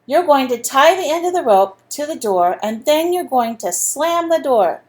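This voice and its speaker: A woman doing a yelling little boy. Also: high-pitched, sing-song, normal speed, pitched above the performer's own voice. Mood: knowing. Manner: yelling, whining pleas. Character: young boy with a painful loose tooth.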